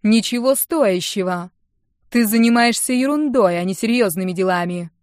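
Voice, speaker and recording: A woman's voice: mid-range voice, moderate pace, no room sound, studio quality, close to an everyday voice. A woman reading an audiobook, voicing a domineering wealthy middle-aged mother who talks with sarcasm and scorn. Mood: angry. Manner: sarcastic, venomous, raising her voice.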